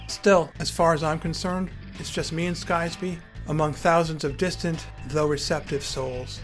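A man's voice: on the high side, fairly even intonation, normal speed, faint music behind. A man narrating his memoir in a wry, dryly humorous way.

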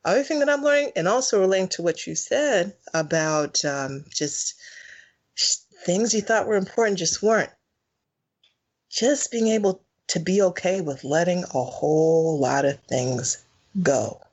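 A woman co-hosting a podcast in casual chat, expressive and stretching words slowly for emphasis. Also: on the low side, husky, highs cut off. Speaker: podcast co-host.

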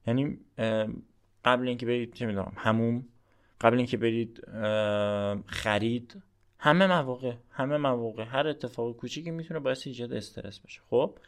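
A man's voice: mid-range voice, steady tone. A man hosting a podcast, giving informal advice in a chatty, coaching way and often checking in with the listener. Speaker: podcast host.

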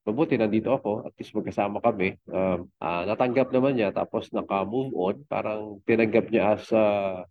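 A middle-aged man speaks as a guest, a fitness coach and father, in an easygoing interview. His voice sits low and comes through a tinny, narrow call line. He meanders, stacking fillers and restarting his sentences. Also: fairly even intonation, normal speed, hardly any pauses. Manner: rambling, with many fillers and restarts. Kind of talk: casual interview talk.

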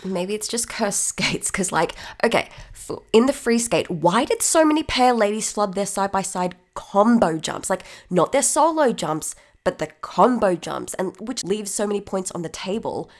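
A woman's voice: medium pitch, animated, moderate pace, hardly any pauses. A woman co-hosting a casual podcast, speaking informally and slangily with a congested, stuffy-nosed voice from the flu. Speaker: podcast co-host.

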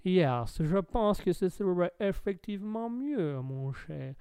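A man's voice: high voice, animated, slow, creaky, dark tone, clean tone, no room sound, clean studio sound, heavily acted. A man voicing a stiff, formal English lord who speaks politely and calls others "mon cher". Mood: prim.

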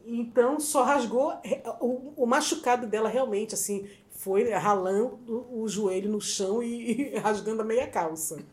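A middle-aged woman from Brazil, a guest telling a story in casual chat, expressive and often laughing as she acts out quotes. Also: fairly high pitch, normal speed, few pauses.

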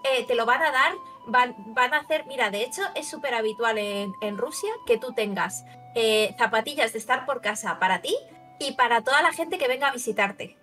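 A woman's voice: a little high, moderate pace, bright, forceful tone. A young woman from Russia, a native Russian speaker, chatting casually as a guest and often tagging her sentences with "you know?". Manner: chatty, lots of fillers like sabes. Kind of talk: casual chat. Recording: roomy with faint music behind.

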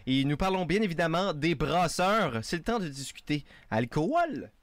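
A man's voice: fairly high pitch, sing-song, moderate pace, no room sound, soft background music. A man co-hosting a radio show, playful and punning. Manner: playful, punning, segment-introducing. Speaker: radio co-host. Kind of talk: casual radio banter.

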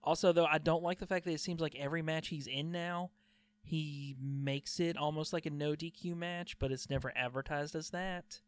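A man's voice: on the high side, fairly even intonation, moderate pace, clear, resonant tone, dry recording. Easygoing man chatting on a podcast. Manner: easygoing, swears casually, chimes in. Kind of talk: casual podcast chat about wrestling.

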